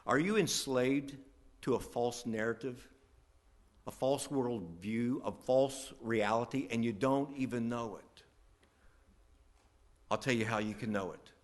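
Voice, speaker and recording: A man's voice: medium pitch, a little slow, long pauses. A middle-aged man from West Virginia, a pastor preaching a sermon with emphatic swells on key lines.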